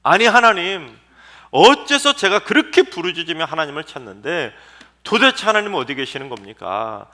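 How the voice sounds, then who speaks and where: A man's voice: on the high side, sing-song, normal speed, bright, forceful tone, voice pushed up. A male pastor acting out an anguished prophet who pleads and argues with God in indignant questions. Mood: pleading protest.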